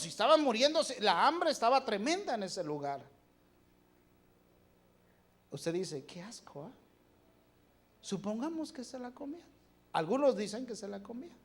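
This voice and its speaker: A preacher giving a sermon in a church, reading scripture and putting questions straight to the congregation, with the volume swinging between loud and soft. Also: medium pitch. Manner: animated, shifting loudness.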